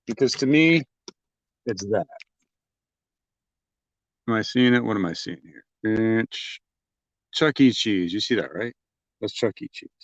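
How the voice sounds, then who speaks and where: A man's voice: fairly low pitch, expressive, unhurried, long pauses, no room sound. A man live-streaming to his chat from city streets, talking in a casual, profane, rambling way with lots of fillers, recorded on his phone. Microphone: phone held by the streamer. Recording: slightly dull lo-fi phone audio.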